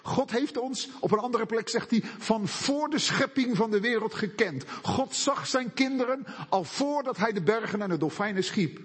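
Animated high-pitched preacher in an echoey hall. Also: male voice, normal speed, hardly any pauses, husky. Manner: animated, asks and answers rhetorical questions. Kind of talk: sermon. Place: church hall.

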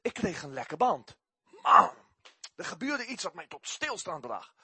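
Animated husky man preaching. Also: high-pitched, a little slow, no echo. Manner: animated, repeats words when excited. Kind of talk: sermon with personal testimony.

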